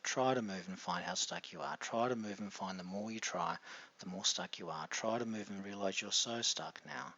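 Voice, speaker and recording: A man acting as a hypnotist, guiding a listener through a session with slow, repetitive suggestions and sometimes dropping to a whisper. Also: on the low side, vocal fry, pushed and bright, lo-fi sound.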